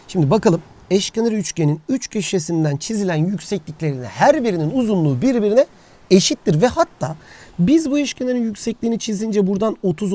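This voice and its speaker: Man, math teacher, casual geometry lesson, outdoors, slightly high voice, mellow tone. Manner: talks to himself, asks and answers his own questions. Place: outdoors, by the sea.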